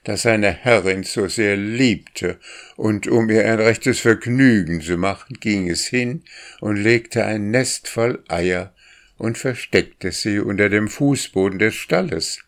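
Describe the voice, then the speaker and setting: A man's voice: on the low side, slow pace, pitched above the performer's own voice. Windeile, a man doing a haughty crow chief. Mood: scornful, reminiscing. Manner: scornful, storytelling. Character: proud male crow chieftain.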